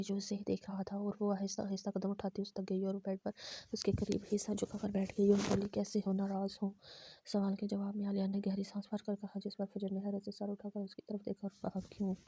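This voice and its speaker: Flat, gravelly woman reading a romance novel. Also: mid-range voice, no echo. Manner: monotone reading with frequent restarts. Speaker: narrator. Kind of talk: scripted narration of a romance novel.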